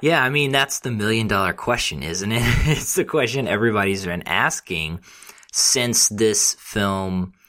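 A man's voice: lowish voice, measured pace, pushed and bright. A man co-hosting a film podcast, chatting casually and thoughtfully, with laughs and hesitations. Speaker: podcast co-host.

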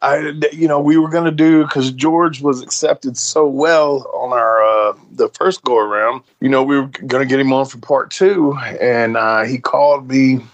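A man's voice: medium pitch, fairly even intonation, normal speed, few pauses, highs cut off. A man hosting a podcast in casual chat, rambling and cussing, with lots of fillers and restarts. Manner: rambling, profane, stop-start with fillers. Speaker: podcast host.

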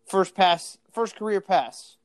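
A man co-hosting a casual sports podcast, excitable and laughing often, tired from an early morning. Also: high voice, slow, no room sound. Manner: excitable, laughs often, acts out quoted exchanges. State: tired, yawning. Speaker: podcast co-host.

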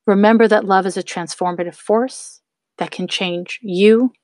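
Speaking in a lowish voice, a woman in her thirties hosts a podcast full of informal spiritual advice, encouraging the listeners she lovingly calls her loves. There's no room sound; the recording is close and dry.

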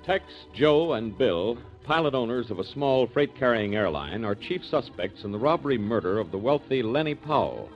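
A man's voice: medium pitch, music in the background. Man announcing an old radio drama. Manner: measured, lively announcer delivery. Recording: dull lo-fi vintage radio broadcast.

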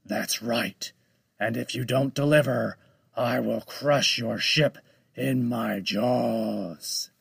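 A man puts on a giant male shark from a storybook, dragging each threat out slowly and heavily. The voice is gravelly and sits close and dry against the mic, with no room around it. He crawls along, savoring the menace. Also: mid-range voice, fairly bright tone, no room sound, heavily acted. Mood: menacing. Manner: slow, heavy, drawn-out menace. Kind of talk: storybook read-aloud.

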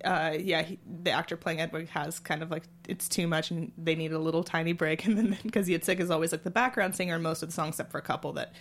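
A woman hosting a casual chat, talking quickly and laughing often. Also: sits low, steady tone. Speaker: podcast host.

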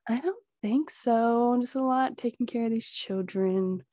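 A woman's voice: on the high side, measured pace, warm tone, no room sound, clean studio sound. A woman, a mother of two and the guest, chatting casually in a rambling, storytelling way. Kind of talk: casual chat.

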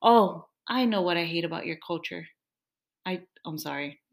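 On a podcast she co-hosts with her partner, a young woman with Mexican-American family roots talks freely at a normal speed. Her voice is fairly low and creaky, and the conversation is full of laughter and playful griping.

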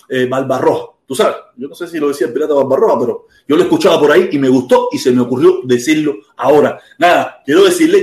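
A man's voice: fairly high pitch, reverberant. A young man from Havana with a Cuban Spanish accent, hosting a live podcast and telling a story in casual chat, acting out both sides of an argument. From Cuba. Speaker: podcast host.

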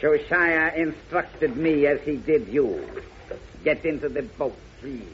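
A muffled old radio recording carries a mysterious servant of a genie. He speaks slowly and formally, with a solemn, mystical air suited to a 1940s adventure serial. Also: a little high, slight background noise. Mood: solemn, ominous. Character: mysterious turbaned tall man, servant of a genie.

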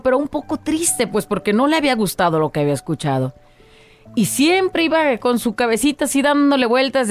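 A woman hosting a talk show and telling a fable, repeating words for emphasis. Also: sits high. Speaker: host. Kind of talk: storytelling a fable.

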